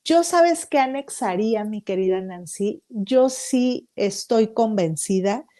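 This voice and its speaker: A woman's voice: medium pitch, expressive, takes it slowly, dark tone. A woman with a Mexican accent, a psychologist guest on a podcast interview who explains her points one by one in an upbeat, emphatic way.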